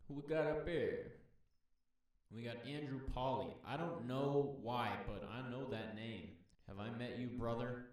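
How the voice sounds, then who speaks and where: A man's voice: mid-range voice, slow pace, a little mellow. A man hosting a casual, rambling, jokey commentary as he looks through wildlife photos. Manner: jokey, rambling, talks to himself. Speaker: host. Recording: echoey room, far from the mic.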